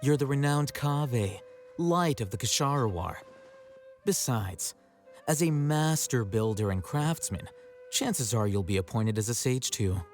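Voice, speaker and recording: A man's voice: medium pitch, expressive, measured pace, faint music behind, close to an everyday voice. An actor playing a cool, sardonic young male scribe in a video game, dry and teasing.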